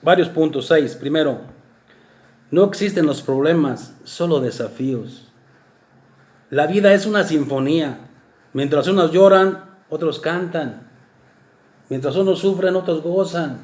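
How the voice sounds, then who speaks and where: A man preaching in a fairly high voice, booming one moment and dropping to a hush the next. His voice rings around an echoey room. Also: measured pace, pauses often. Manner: dramatic, swings from loud exclamations to soft low asides. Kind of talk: sermon talk.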